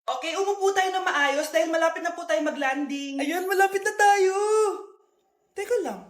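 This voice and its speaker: High-voiced woman acting comedy skits. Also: moderate pace, roomy sound. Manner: switches voices between mother and children. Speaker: comedy skit creator playing all parts. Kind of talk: comedic skit acting, many roles.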